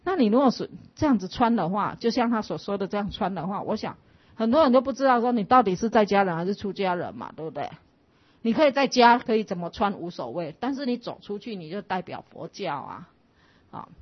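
A Buddhist nun from Taiwan, telling stories in a chatty way and acting out the dialogue with lively jumps in pitch. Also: female voice, a little fast. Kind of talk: casual storytelling talk. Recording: dull lo-fi recording.

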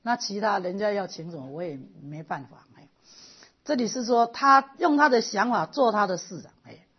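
A middle-aged woman giving a lively, animated storytelling lecture as a Buddhist lay teacher. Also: medium pitch, normal speed, breathy edge, highs cut off.

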